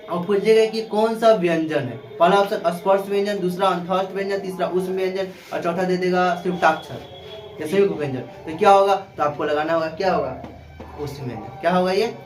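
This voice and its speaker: A man's voice: sits high, a little fast, soft background music. A male teacher giving a classroom grammar lesson, asking questions and repeating the answers himself. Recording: echoey room with clear background noise.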